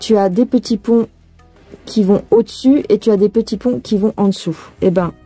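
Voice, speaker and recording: This cross-stitch host talks casually while stitching, thinking aloud to whoever's watching, in a hands-on tutorial shot on a phone aimed at her hands. Her voice is mid-range and warm with a breathy edge, at a moderate pace. Soft music runs underneath.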